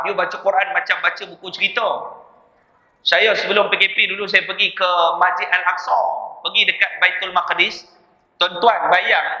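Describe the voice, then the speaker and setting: A man with a Malaysian Malay accent delivers a jokey mosque sermon and acts out the people he quotes. His voice sits high and comes across sharp and tense. The mic picks him up in an echoey mosque hall. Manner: lively, jokey, acts out quoted people, addresses audience as tuan-tuan. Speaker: preacher.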